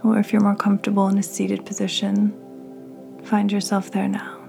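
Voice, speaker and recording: A woman hosting a podcast, leading a guided meditation in a soft, half-whispered, soothing voice. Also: medium pitch, monotone, normal speed, vocal fry, faint music behind. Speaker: podcast host.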